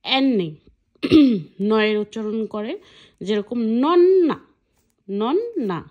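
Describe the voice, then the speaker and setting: A woman's voice: medium pitch, expressive, slow pace, muffled recording. A woman teaching a casual language lesson, patiently spelling out letters one at a time and often checking that her listeners follow.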